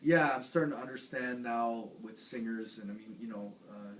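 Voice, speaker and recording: A man who plays guitar in a band chats casually, rambling and hesitating with plenty of fillers and restarts. His voice is mid-range at normal speed, heard from a distant mic in an echoey room with faint hiss.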